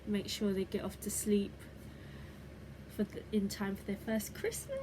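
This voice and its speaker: Female channel host, casual and slow-talking, introducing bedtime reading over clear background noise. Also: medium pitch, big pitch swings. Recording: clearly noisy background ambience.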